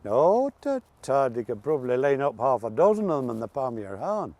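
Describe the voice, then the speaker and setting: A man's voice: medium pitch, very animated, brisk, dark tone. A man with an Ulster Scots accent, chatting casually and reminiscing in folksy dialect as an interview guest. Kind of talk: casual reminiscing chat about local dialect words.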